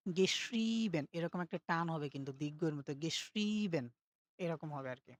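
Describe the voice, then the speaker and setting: A woman's voice: low-pitched, a little fast. A woman teaching German pronunciation in a self-study class, explaining each rule step by step and often checking that listeners follow.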